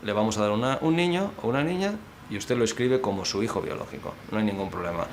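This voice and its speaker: A man's voice: fairly low pitch, lively intonation, quick pace, slight background noise. A man speaking in a blunt, matter-of-fact way, ticking off points one by one. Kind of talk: interview statement.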